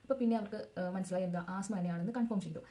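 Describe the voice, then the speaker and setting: A woman's voice: medium pitch, racing, mellow. A young woman casually telling her own story as a vlogger, in a chatty, rambling way that backtracks to add details.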